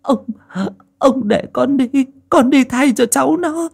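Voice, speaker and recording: A man voicing a desperate old peasant woman who begs in a high, wailing voice. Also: slow, creaky, breathy edge, full character voice. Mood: pleading. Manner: high pleading wail.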